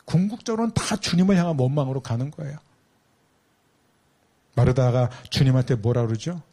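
A man preaching a sermon, animated and asking the congregation rhetorical questions. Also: medium pitch, fairly quick. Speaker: pastor.

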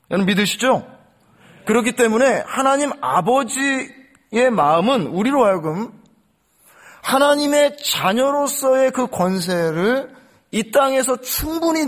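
An impassioned male pastor preaching a sermon in a high voice. His delivery swings widely in pitch, and he keeps turning to speak straight to the congregation. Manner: impassioned, addresses congregation directly.

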